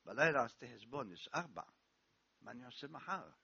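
A man's voice: medium pitch, very animated, vocal fry, pushed and bright, husky, voice pushed down, exaggerated voice. A man voicing an anxious male smoker pleading with a rabbi, in a dull, dry recording. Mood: fretful. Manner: pleading, fretful.

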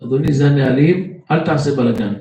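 Man playing a rule-bound security officer, curt and insistent, dark gravelly tone. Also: medium pitch, close to an everyday voice. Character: stern male airport security officer, bureaucratic. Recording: roomy echo, distant mic.

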